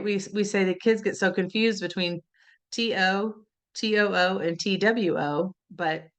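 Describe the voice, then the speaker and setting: A woman presenting an educational webinar, talking conversationally with many "right?" and "you know" asides. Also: medium pitch. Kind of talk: informal teaching talk.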